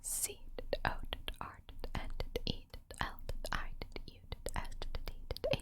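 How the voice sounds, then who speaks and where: A woman whispering fast and softly in a chatty ASMR livestream, often repeating words in quick bursts. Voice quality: soft, mostly unvoiced whisper. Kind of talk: whispered ASMR casual chat with viewers.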